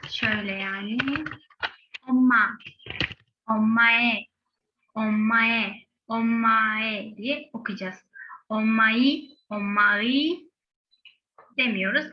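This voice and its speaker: A woman teaching Korean pronunciation, saying each sound slowly and repeating it. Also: on the high side, highs cut off, slight background noise.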